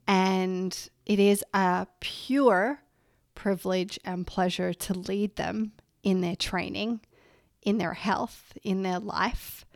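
Slow-talking woman with a cold. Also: mid-range voice, no room sound, clean studio sound. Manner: chatty, upbeat, laughs often. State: nasal from a head cold. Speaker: podcast host and strength coach. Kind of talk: casual solo podcast intro.

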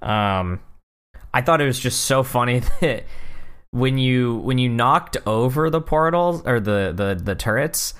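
A man chatting casually about a video game, describing details at a relaxed pace with plenty of fillers. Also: mid-range voice, unhurried, clear, resonant tone. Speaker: podcast co-host.

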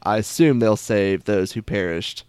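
A man with a low voice muses about film theories, hedging as he goes. The recording is dry and close, with no room sound. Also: moderate pace, darkish tone, smooth, dry recording. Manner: thoughtful, speculative, hedging. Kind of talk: casual movie discussion.

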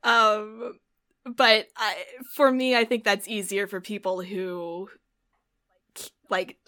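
Over a video call, a woman who ran a tabletop game chats about the session on a casual podcast, laughing easily and using lots of filler words. Her mid-range voice stays level, slow, bright, and forceful.

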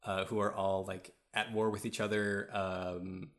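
A fairly low-voiced man talking casually as a podcast co-host. He rambles through his points with many fillers and keeps breaking into laughs, speaking into a podcast microphone. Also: flat delivery, unhurried, a bit bright. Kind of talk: casual chat. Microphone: podcast mic.

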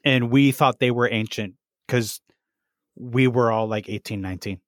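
Animated host, dry close sound. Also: mid-range voice, normal speed, no room sound. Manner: animated, stumbles and restarts. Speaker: interviewer, host. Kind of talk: casual interview chat.

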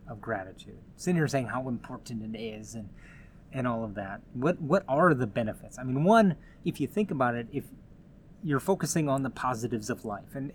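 A man's voice: mid-range voice, a little hiss or hum. Earnest, encouraging male host. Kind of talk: casual motivational talk.

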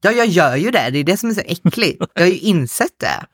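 A podcast co-host chats casually with a gloomy, wry and self-mocking manner. The voice sits at an ordinary pitch, and the sound is close and dry. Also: big pitch swings, husky, no room sound. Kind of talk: casual chat.

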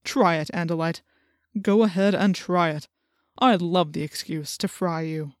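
A cruel, menacing man whose mind is held by an alien parasite, as a woman puts him on for an audiobook. He snaps out threats and orders in a lowered, darker tone. The recording is close and dry. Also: fairly even intonation, measured pace, no room sound, lightly acted. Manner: threatening, snapping commands. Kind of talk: audiobook character voice.

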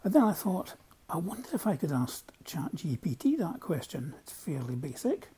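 A man with a broad Scottish accent telling anecdotes in a casual, droll voice memo, with a husky voice. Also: a little high, big pitch swings, normal speed, mellow, a little hiss or hum. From Scotland. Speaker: listener sending in a voice memo. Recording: home voice memo.

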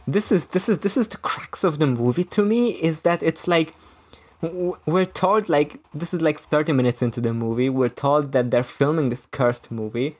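A man co-hosting a podcast, talking casually about a film and piling up filler words and restarts as he works through his thoughts. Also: on the high side. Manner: rambling, many filler "like"s and restarts. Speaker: podcast co-host.

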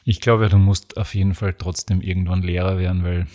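A man hosts a casual interview with a low-pitched voice. He asks his questions lightly and slips in joking, teasing remarks. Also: level tone, a little fast, dark tone.

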